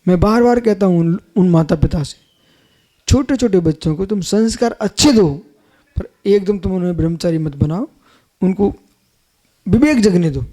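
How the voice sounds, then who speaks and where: A man's voice: sits high, lively intonation, normal speed, long pauses, warm tone. A man, a Jain monk, giving a live sermon, emphatic, repeating phrases and questioning his listeners directly.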